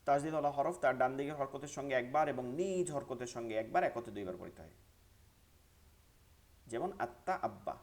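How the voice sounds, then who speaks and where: A man's voice: medium pitch, brisk. A man teaching a Quran reading class online, patiently drilling syllable spellings aloud over a video call.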